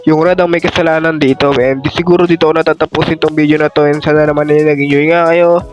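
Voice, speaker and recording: A man's voice: a little high, level tone, fast, highs cut off. A young man with a stuffy nose and sore throat from a cold, giving chatty, casual gameplay commentary and calling out to his viewers. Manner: chatty, keeps addressing viewers as "men" and "guys". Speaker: gaming YouTuber. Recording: background music under the voice.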